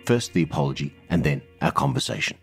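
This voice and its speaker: A man hosting a podcast, giving a brisk, plain-spoken introduction to an episode. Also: a bass voice, animated, soft background music. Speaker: podcast host.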